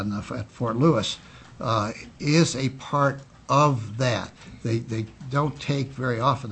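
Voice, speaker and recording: A man giving formal legislative testimony in a measured, politician-like official manner, halting with frequent pauses. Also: mid-range voice. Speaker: physician and state health official testifying. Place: indoor legislative committee room. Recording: noisy public hearing room audio.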